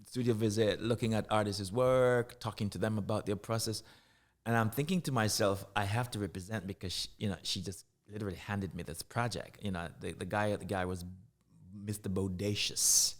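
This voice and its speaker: Man, very deep voice, middle-aged, interview guest, reflective, halting restarts. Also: steady tone. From Jamaica. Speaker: guest artist and curator. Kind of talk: casual interview conversation.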